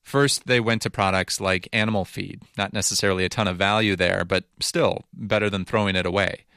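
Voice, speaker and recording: A man's voice: deep voice, steady tone, a little fast, pushed and bright, dry recording, clean studio sound. A man narrating a scripted news feature in a conversational, explanatory way. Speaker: reporter narrating.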